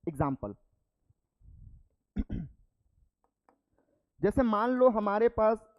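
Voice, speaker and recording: A very animated young teacher with a high-pitched voice draws out his words in a muffled recording. During the classroom lecture he explains step by step, repeats terms, and checks in with "ठीक है" after each point.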